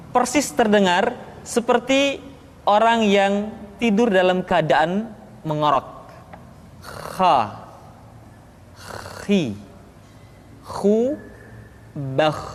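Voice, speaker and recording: A woman teaching how to pronounce Arabic letters for Quran recitation. She explains each letter deliberately, then drills it in repeated syllables. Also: mid-range voice, big-room sound, a little hiss or hum. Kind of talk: slow instructional explanation with pronunciation drills.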